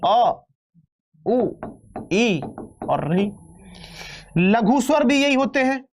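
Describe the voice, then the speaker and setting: A Hindi teacher runs an online exam-prep grammar class, his voice very high with big pitch swings and an extremely slow delivery. He's playful and chatty, calling students "beta," cracking jokes, and repeating terms back as questions to quiz viewers.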